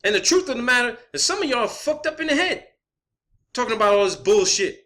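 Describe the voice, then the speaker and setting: With an extremely high pitch, big pitch swings and a sharp tone, a man rants briskly as an online video creator, blunt, confrontational and laden with profanity, addressing the camera or viewers.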